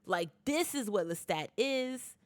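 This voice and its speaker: A woman recaps a TV show for her YouTube vlog in an unhurried, medium-pitched voice, with no room sound. Her casual retelling is animated, packed with acted quotes, fillers and restarts.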